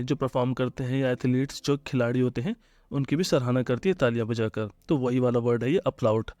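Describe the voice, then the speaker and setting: A man with an Indian accent teaching English vocabulary, speaking in a friendly way and repeating each English sentence slowly. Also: fairly high pitch. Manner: friendly, addresses listeners as friends. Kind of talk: vocabulary lesson. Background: soft background music.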